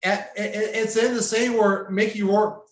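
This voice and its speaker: A man's voice: high voice, fairly even intonation, moderate pace. A man guest on a podcast, telling wrestling-road stories in a laid-back way, laughing as he goes. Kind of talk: casual storytelling. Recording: roomy echo.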